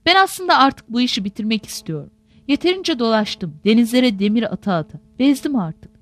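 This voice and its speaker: A woman's voice: fairly high pitch, expressive, fairly quick, dry recording, natural voice. A woman reading as a weary old sea-merchant uncle. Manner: grave, resigned.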